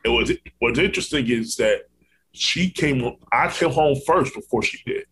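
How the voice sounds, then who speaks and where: A man's voice: medium pitch, lively intonation, moderate pace, a bit bright, slight background noise, low-quality recording. A man born in Brooklyn and raised in Orlando, hosting a podcast interview, earnest and affirming, with frequent fillers. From born in Brooklyn, New York, raised in Orlando. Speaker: podcast host. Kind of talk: conversational interview.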